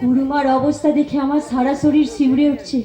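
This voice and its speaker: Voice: sits high, level tone, a little fast, lightly acted. An actor playing a domineering, hot-headed brothel keeper with emphatic, declamatory delivery in folk stage melodrama. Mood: shocked, concerned. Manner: declamatory, emphatic, repeating phrases. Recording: echoey stage, music and crowd behind.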